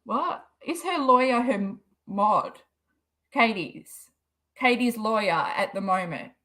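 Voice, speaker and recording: A woman's voice: fairly high pitch, expressive, slow pace, sharp tone. Australian woman, livestream host, sarcastic casual commentator. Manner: chatty, sarcastic, laughs often.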